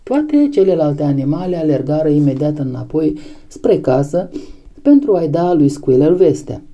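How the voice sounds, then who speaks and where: A woman narrating a novel as an audiobook, reading in a measured, steady way. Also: sits low, dull audio.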